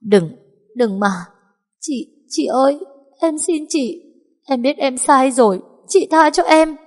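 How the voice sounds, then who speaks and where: A woman voicing a terrified scheming young wife who begs in stammering, shrill pleas. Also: moderate pace, a little mellow, long reverb tail, natural voice. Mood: pleading.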